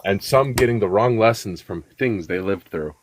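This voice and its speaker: A man with a Chicago accent, whose first language is Russian, tells stories as a guest in a casual conversation, rambling along with lots of fillers and restarts. His voice is lowish and his pace normal. The audio is poor, with slight background noise.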